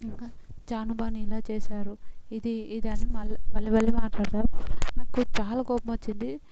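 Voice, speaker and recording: A woman's voice: on the high side, normal speed. A woman gives a casual, exasperated recap of a reality show and acts out what the contestants said. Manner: animated retelling, acts out quotes loudly, exasperated. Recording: dull lo-fi sound with clear noise.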